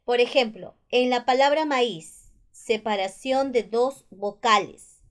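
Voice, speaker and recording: Over a set of slides, a female teacher with a Peruvian Spanish accent gives a spelling lesson at a slow pace and fairly high pitch. She is patient and goes over every rule twice.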